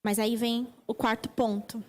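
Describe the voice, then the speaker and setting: Uma mulher com sotaque brasileiro prega num culto de igreja, enfática e repetindo frases para dar ênfase. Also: female voice, a little high, flat delivery, unhurried. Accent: Brazilian Portuguese. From Brazil. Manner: emphatic, repeating phrases for stress. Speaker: preacher. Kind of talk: sermon. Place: church service.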